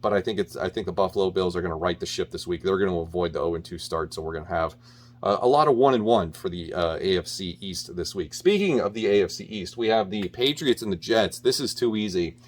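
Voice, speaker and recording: A man's voice: low voice, fast. A man talking through his weekly football picks in a casual, opinionated way, with frequent ums and restarts. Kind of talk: casual solo sports picks talk.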